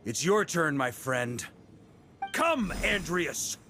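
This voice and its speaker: An actor playing a seasoned, wry and calm knight commander in a video game. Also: male voice, fairly high pitch, slow pace, music in the background, full character voice. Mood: bold, challenging.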